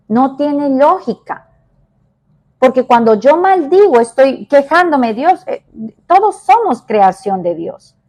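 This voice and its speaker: Emphatic woman evangelist preaching, fairly high voice. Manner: emphatic, repeats key phrases, shifts between soft and raised delivery. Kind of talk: devotional sermon.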